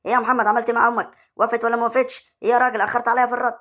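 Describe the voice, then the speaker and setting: A man takes on the role of a bragging middle-aged Egyptian village man, his very high-pitched voice bright and forceful but flat in delivery. He teases and swaggers in Egyptian Arabic at a rapid clip.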